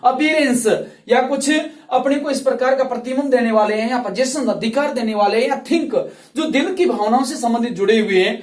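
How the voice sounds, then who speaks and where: A male English tutor explaining grammar rules slowly and patiently, repeating each word and drawing out its sounds. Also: very high voice, distant mic. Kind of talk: classroom grammar lesson. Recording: roomy, voice from off the mic.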